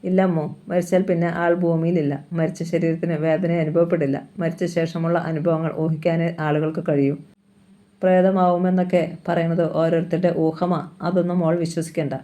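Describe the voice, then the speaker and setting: A storyteller reading the lines of a grieving doctor father who softly consoles his little daughter. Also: medium pitch, little pitch movement, brisk, close to an everyday voice. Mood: tender, consoling. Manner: soft, consoling explanations to his child.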